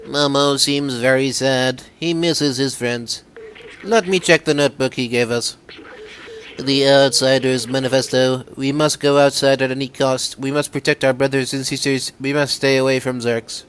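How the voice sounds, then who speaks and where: A small, helpful drone companion, read aloud by a man speaks in a plain, matter-of-fact voice at a mid pitch. Faint background noise sits under the reading. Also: fairly even intonation, normal speed, a bit bright, natural voice. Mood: calm. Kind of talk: reading game dialogue aloud.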